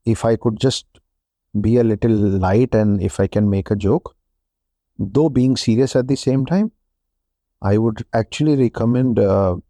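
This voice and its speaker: A man being interviewed as an author, giving earnest, measured advice in reflective talk. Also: mid-range voice, mellow, no room sound. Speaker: author guest. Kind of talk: reflective interview talk, mixing Hindi and English.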